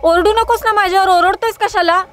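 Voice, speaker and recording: Woman playing a very high-voiced, torn young woman. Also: fairly even intonation, a little fast. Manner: pleading, defensive.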